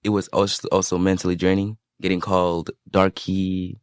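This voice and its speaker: Low-voiced teenage boy from Sudan. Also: completely flat delivery, normal speed, dry recording, clean studio sound. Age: teens. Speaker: interviewee. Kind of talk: youth radio interview.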